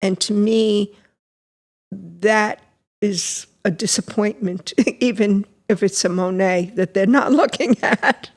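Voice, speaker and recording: A woman artist speaking thoughtfully in a panel chat, pausing and restarting as she thinks. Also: medium pitch. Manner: thoughtful, halting. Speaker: artist guest. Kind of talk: conversational panel talk.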